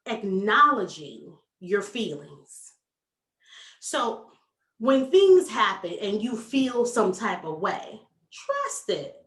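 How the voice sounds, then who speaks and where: A woman success coach giving a motivational talk, animated and folksy, addressing the audience directly. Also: mid-range voice, recorded from a distance. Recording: echoey room, voice from off mic.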